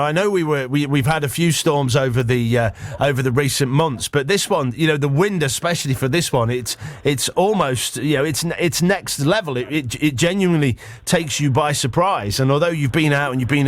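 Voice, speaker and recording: A man's voice: on the high side, no echo. A man presenting live radio in a casual, chatty way, informal and bantering, often repeating words as he goes. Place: radio studio.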